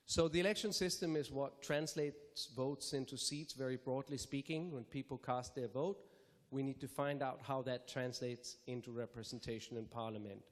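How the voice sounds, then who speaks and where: A man from Denmark giving measured, formal opening remarks at a public lecture, with careful phrasing and the odd self-correction. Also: medium pitch, fairly even intonation. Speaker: speaker introducing a public lecture. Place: lecture hall. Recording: reverberant lecture hall.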